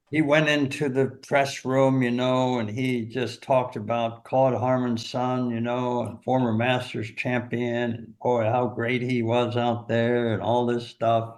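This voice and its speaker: Older man, interview guest, animated storyteller, chuckles, lots of "you know". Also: medium pitch. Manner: animated, laughs through stories, many "you know"s. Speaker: golf teacher and former caddie, guest.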